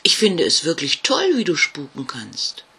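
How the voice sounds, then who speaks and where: A man voicing a friendly, eager little ghost girl in a children's story, with a raised, bright voice. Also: a little high, huge pitch swings, unhurried, husky, pitched above the performer's own voice, heavily acted.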